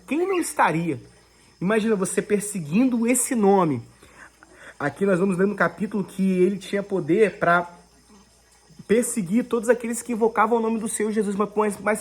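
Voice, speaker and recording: A woman's voice: mid-range voice, slightly rough. A Brazilian woman leading an online Bible devotional, preaching fervently and addressing her listeners as brothers. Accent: Brazilian Portuguese. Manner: fervent, addresses listeners as brothers, swings between loud and hushed.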